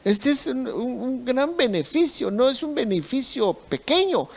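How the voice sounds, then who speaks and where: A male pastor preaching a sermon slowly, repeating phrases for emphasis. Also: very high-pitched, very animated, vocal fry.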